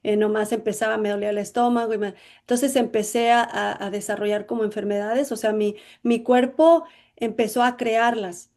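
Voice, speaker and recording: A woman's voice: a little high, a little mellow. A middle-aged woman from Jalisco with a Mexican accent, a coach telling her life story in an interview with many "bueno, pues" fillers. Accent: Mexican Spanish. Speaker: interview guest, emotional intelligence coach.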